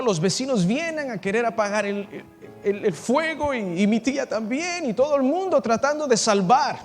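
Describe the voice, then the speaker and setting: A pastor with a high voice delivers an impassioned sermon, sharing a personal story and calling out directly to his listeners. In a large assembly hall, long reverb carries his words over faint music.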